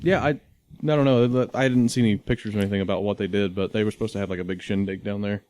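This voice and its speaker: A man's voice: on the low side, steady tone, fast talker, a little mellow. A man co-hosting a casual podcast, chatting eagerly. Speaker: podcast co-host. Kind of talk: casual chat.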